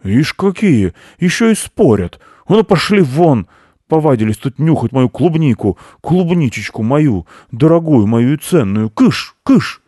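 A man voicing a greedy, fat male garden-plot chairman who shouts and whines. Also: a little high, sing-song, breathy edge, dry recording, clean studio sound, voice pushed up, heavily acted. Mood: angry shouting. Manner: loud, shouting, drawn-out whining.

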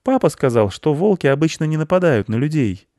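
A man's voice: on the high side, very animated, a little fast, dark tone, dry recording, studio quality, voice pushed up. A man voicing a curious, earnest young boy in an audiobook. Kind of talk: audiobook character voice.

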